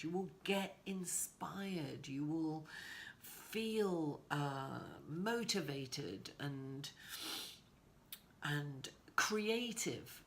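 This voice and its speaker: A woman doing a casual tarot reading in a rambling, informal way, her voice raspy and hoarse from a cold. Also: deep voice, a bit bright, slight background noise. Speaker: tarot reader giving a weekly horoscope reading.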